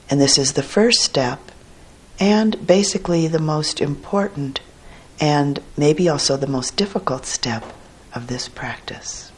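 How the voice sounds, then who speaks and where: Gentle and measured, a woman walks listeners through a guided meditation in a low, husky voice, separating short phrases with pauses.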